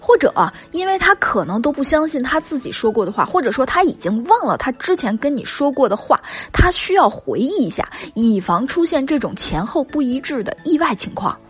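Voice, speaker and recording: A woman's voice: high-pitched, very animated, brisk, hardly any pauses, slightly rough, soft background music. A woman coaching her listeners on relationships in a chatty, emphatic spoken lesson full of rhetorical questions.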